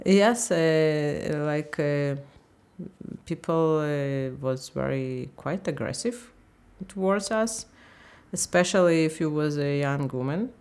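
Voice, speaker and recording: Slow, gravelly woman. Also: low-pitched, a little mellow. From Ukraine. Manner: halting, searching for English words. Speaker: interviewee, language teacher. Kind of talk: candid personal interview.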